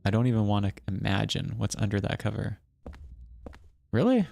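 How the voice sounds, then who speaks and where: A man's voice: lowish voice, monotone, fast talker, vocal fry, a little mellow. A man streaming a horror game live, giving casual, rambling commentary full of fillers and chuckles.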